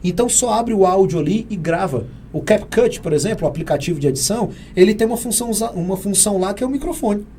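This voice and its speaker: A man with a Brazilian Portuguese accent answering interview questions in an energetic, emphatic, teacherly way, often posing rhetorical questions. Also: sits high, fast, hardly any pauses, a little hiss or hum. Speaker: real estate AI consultant guest.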